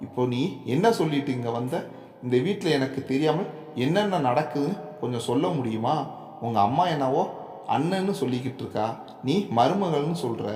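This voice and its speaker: A man's voice: medium pitch, animated, moderate pace, dark tone, lightly acted. Man playing a hot-tempered stern father, echoey. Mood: angry. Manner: angry, interrogating. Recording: echoey room with long reverb.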